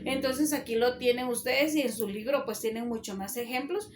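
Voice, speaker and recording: A woman teacher giving a recorded spelling lesson, dictating rules slowly and deliberately. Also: fairly high pitch, reverberant, background noise.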